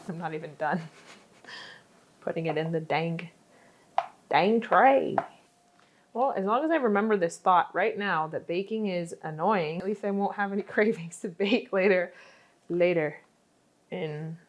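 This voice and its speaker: A young woman vlogging in her home kitchen, chatty and self-mocking as she bakes and talks. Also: lowish voice. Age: young adult. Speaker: lifestyle vlogger. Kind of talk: casual chat while baking.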